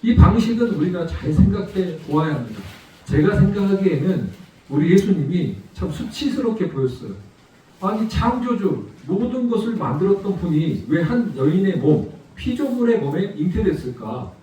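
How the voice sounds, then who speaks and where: High-voiced man preaching in an echoey church. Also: big pitch swings, moderate pace, warm tone, slight background noise. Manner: storytelling, asks the congregation rhetorical questions. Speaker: missionary guest preacher. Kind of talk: sermon. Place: church sanctuary. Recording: echoey church hall from far off.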